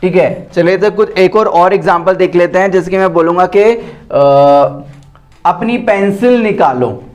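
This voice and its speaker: A man's voice: high voice, measured pace, a little mellow. A man teaching English at home in a casual lesson, speaking Indian English with lots of fillers and repeating example sentences word by word. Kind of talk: casual spoken lesson mixing Hindi and English. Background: household noise.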